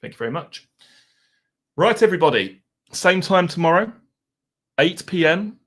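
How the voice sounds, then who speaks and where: On a live stream, a man with an Essex accent chats casually with his viewers, his slightly bright voice on the high side with big pitch swings at a normal speed. He rambles in relaxed banter and swears mildly.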